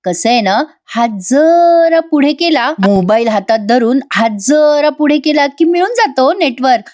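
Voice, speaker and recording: A woman voicing a gently coaxing male lawyer. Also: high voice, normal speed, close to an everyday voice. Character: calm older male lawyer giving advice.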